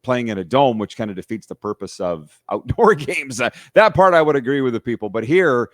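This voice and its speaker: A man's voice: mid-range voice, expressive, brisk, no room sound, clean studio sound. A man who hosts another hockey podcast, a guest here, giving opinions in long, run-on casual chat.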